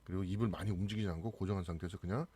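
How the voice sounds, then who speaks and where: Husky-voiced deep man teaching pronunciation. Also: fairly even intonation, very fast, warm tone. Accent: Korean. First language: Korean. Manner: explains patiently, repeats each word twice. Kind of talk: classroom pronunciation lesson.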